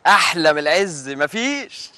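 A jaunty Egyptian hotel guest. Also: male voice, on the high side, very animated, moderate pace, pushed and bright, dry recording, soft background music, full character voice. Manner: jaunty, joking. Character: breezy male hotel guest signing in. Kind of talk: TV drama acting.

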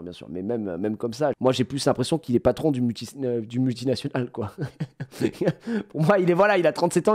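A man streaming a casual reaction, animated, slangy and joking, often crude. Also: a little high.

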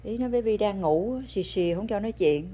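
A woman chatting at home with her toddler as a mother, coaxing and praising in a patient, gentle way. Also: mid-range voice, brisk, lo-fi sound, a little hiss or hum. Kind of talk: casual family chat to a small child. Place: home, indoors.

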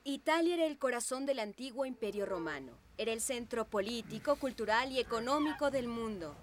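Young female teacher, acted, orderly and kind, slightly high pitch, faint background noise. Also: animated, brisk, close to an everyday voice. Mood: instructive. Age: young adult. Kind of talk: Spanish film dub dialogue.

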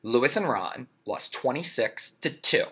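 A man reading a children's storybook aloud in a playful, expressive way. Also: mid-range voice, unhurried, breathy edge. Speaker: reader.

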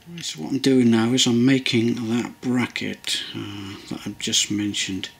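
A man's voice: mid-range voice, steady tone, unhurried, vocal fry, breathy edge. A man casually narrating a model-building tutorial at his workbench, rambling and hesitant with many ums and restarts. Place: hobby workbench indoors.

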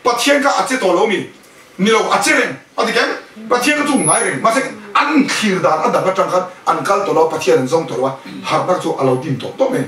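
一位在家庭团契上讲道的男人，不断向听众发问，并夹杂英语词汇。. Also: male voice, high voice, animated, brisk, pushed and bright. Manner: keeps questioning the listeners; mixes in English words. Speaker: preacher. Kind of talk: sermon at a house fellowship. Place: indoors at a home fellowship. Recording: echoey room, voice from a distance.

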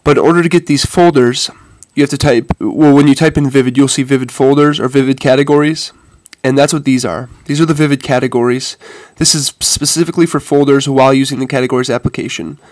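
A man with a mid-range voice and a congested, stuffy nose from a head cold gives viewers a casual phone demonstration. He talks fast with few pauses and fairly even intonation, hesitant and informal, calling his audience "guys." There's no room sound.

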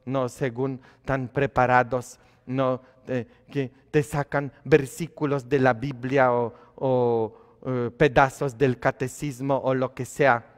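A man, a priest, preaching a sermon in a conversational way, asking his congregation questions and shifting between quiet asides and loud emphatic lines. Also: mid-range voice, smooth. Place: church. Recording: long hall reverb of a church.

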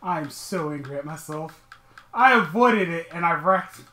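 A woman's voice: on the low side, animated, a little slow, pushed and bright, echoey room, a little hiss or hum. A woman commentating on her racing game, frustrated, swearing and laughing at herself. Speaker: gaming commentator. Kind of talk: casual gameplay commentary.

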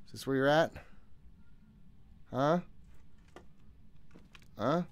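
Speaking at an extremely slow pace with a medium-pitched voice, this thirtysomething streamer talks to himself while playing a horror game. He's jumpy and curses a lot in his casual live commentary, recorded on a close desk microphone in a small home room.

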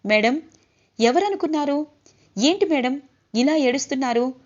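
A woman's voice: high-pitched, lively intonation, unhurried. A woman reading the lines of a kind young male auto driver, polite and reassuring. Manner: reassuring, polite, calls her madam. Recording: slightly dull lo-fi audio.

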